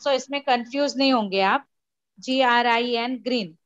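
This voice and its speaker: A woman teacher takes a class through a story, slow and patient, going over each word again. Her voice sits a little high. The sound is dry and muffled, like a lo-fi recording. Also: clean tone, dry recording. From India. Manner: slow, patient explaining, mixing Urdu with English and repeating words. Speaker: school teacher. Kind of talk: classroom lesson explaining a story.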